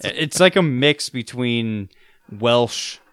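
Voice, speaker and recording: A man's voice: mid-range voice, animated, slow, a bit bright, dry recording. A man co-hosting a casual podcast chat, hesitant and full of restarts, laughing easily. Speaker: podcast co-host.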